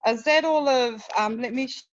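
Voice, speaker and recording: A woman leading a casual work meeting over a video call, explaining things step by step in a brisk way. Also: on the high side. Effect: heard over a video call. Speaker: project lead in a work meeting. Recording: dull lo-fi video call audio.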